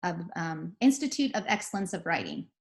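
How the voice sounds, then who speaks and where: A woman's voice: lowish voice, huge pitch swings, fairly quick. A woman panelist in a casual discussion, hesitant and searching for her words.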